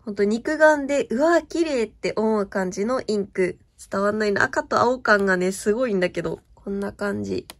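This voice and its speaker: A young stationery vlogger speaks at medium pitch and a moderate pace with few pauses. In a casual show-and-tell chat she gushes over her stationery purchases, often asking viewers whether the sparkle comes across.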